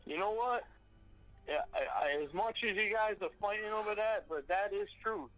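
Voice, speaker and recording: A man's voice: high-pitched, normal speed, fairly bright tone, low-quality recording. A man calling into a show by phone held to a microphone, chatting casually. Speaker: caller. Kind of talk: casual chat.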